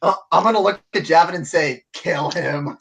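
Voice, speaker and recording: A man chats casually as a player in a tabletop game. His voice is a bit high. He comes across as insistent and mischievous. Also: quick pace, creaky, fairly bright tone.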